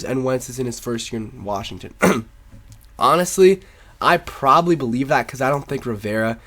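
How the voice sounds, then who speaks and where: A man with a mid-range voice that sounds congested and sore-throated from illness hosts a video, offering casual, opinionated sports commentary in an informal, rambling way.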